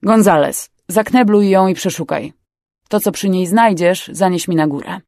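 A woman voicing a cold, commanding male yacht boss who threatens calmly and swears. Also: fairly low pitch, moderate pace, dry recording, studio quality, natural voice. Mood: menacing. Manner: calm, menacing, swearing.

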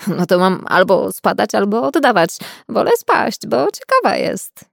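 A woman reading a mocking young male doctor, a prankster who teases loudly and chuckles as he talks. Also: mid-range voice, very animated, measured pace, vocal fry, no room sound, clean studio sound, full character voice. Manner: teasing, loud, chuckling.

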